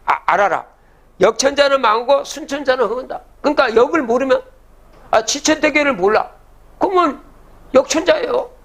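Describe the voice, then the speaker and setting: Older guy lecturing, really high voice, chants old verses then explains, keeps asking the crowd stuff. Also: fairly bright tone. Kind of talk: public lecture.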